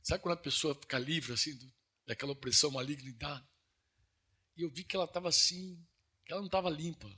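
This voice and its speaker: Bright, husky Brazilian Northeastern preacher man. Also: fast talker. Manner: earnest, conversational preaching with rhetorical questions; rises to emphatic high-pitched peaks. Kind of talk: sermon.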